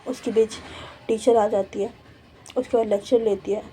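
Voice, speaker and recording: A woman narrating a story in a chatty, relaxed storytelling style, often repeating her phrases. Her voice is dark and mellow, sitting a little high. A faint noise sits under the recording. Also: normal speed. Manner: chatty, repeats herself, mixes in English fillers. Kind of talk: casual storytelling.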